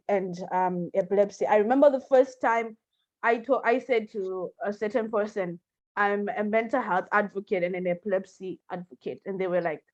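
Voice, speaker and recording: A woman from Zimbabwe with a medium-pitched, slightly dark voice speaks passionately and emphatically on a video-call panel as a mental health and epilepsy advocate. The video call audio sounds dull.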